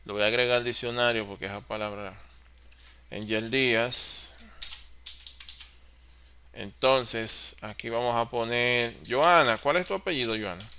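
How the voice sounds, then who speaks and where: A man teaching an online class on office software, explaining step by step and answering his own questions. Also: medium pitch, a little slow, pauses often, slight background noise. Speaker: course facilitator.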